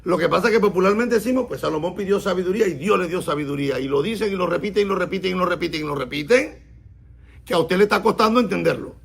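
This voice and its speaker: A man, a rabbi, teaching a Bible class, explaining words slowly and asking his students questions. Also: sits high, vocal fry, a bit bright, husky. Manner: stresses and repeats key words slowly.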